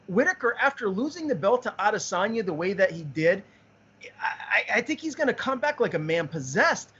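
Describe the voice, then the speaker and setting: Male podcast co-host, keen sports talk, slightly high voice, dull lo-fi sound. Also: a bit bright, breathy edge. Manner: enthusiastic, repeats words while thinking. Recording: muffled lo-fi audio.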